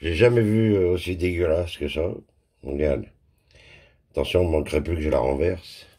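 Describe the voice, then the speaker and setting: A man's voice: low-pitched, normal speed, mellow. A man chatting casually in a cooking vlog in his home kitchen, joking about his own mistakes, swearing freely and talking straight to the viewer while he works. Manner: joking, self-mocking, crude swearing. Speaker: home cook vlogger.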